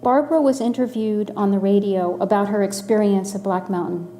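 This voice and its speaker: A woman in her sixties from the Los Angeles area, telling a personal story in a measured, dryly humorous way. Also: medium pitch, fairly even intonation, dark tone, a little hiss or hum. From Los Angeles area, USA.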